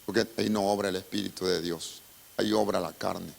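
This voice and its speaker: A man's voice: sits low, fairly even intonation, fairly quick, creaky. A male pastor, preaching a dramatic storytelling sermon and calling his listeners brother.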